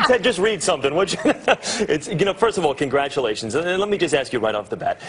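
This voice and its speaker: A man's voice: a little high, lively intonation, quick pace, slight background noise. A male morning news anchor introducing a story and interviewing a guest in an upbeat, chuckling way.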